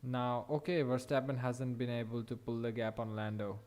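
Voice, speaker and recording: A young man reacting live as he watches a race, thinking aloud, excited and swearing now and then. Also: medium pitch, moderate pace. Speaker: watch-along race commentator.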